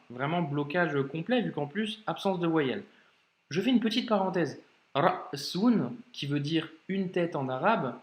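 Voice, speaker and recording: A man teaching Arabic reading in an informal video lesson, speaking directly and encouragingly to the learner and slowly sounding out each word. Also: fairly high pitch, echoey room. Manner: slows down to sound out words carefully.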